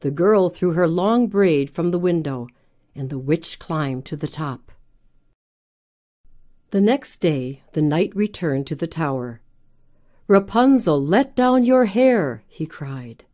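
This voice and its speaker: A woman narrating a children's storybook in a gentle, even storytelling manner. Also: low-pitched, slow.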